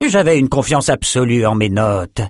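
A man's voice: medium pitch, lively intonation, moderate pace, no echo, close to an everyday voice. Captain Mills, a man playing a wry sea captain. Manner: dry, ironic. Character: wry male ship captain.

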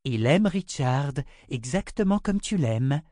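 A man reading the part of a gentle mother who calmly reassures her young daughter. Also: medium pitch, slow pace, no echo, studio quality, pitched above the performer's own voice. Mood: soothing. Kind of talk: audiobook character reading.

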